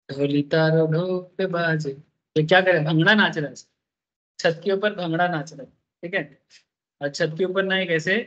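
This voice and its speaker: A man's voice: high-pitched, fairly bright tone. A man teaching a tax class, playfully quizzing his students with repeated questions as he draws on a board. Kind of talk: classroom lecture with drawing. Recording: dull lo-fi recording.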